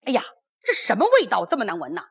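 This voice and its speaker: A woman storyteller voicing a nervous, nosy male spy posing as an officer, gravelly and dramatic. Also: medium pitch, huge pitch swings, quick pace, heavily acted. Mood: curious. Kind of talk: storytelling character dialogue.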